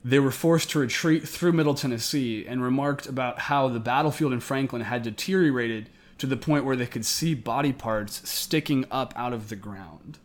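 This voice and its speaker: A man's voice: medium pitch, moderate pace, hardly any pauses. A man co-hosting a history podcast, telling the story in semi-scripted narration, recorded in an attic. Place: indoors in the attic of a historic house. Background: air conditioning may be running.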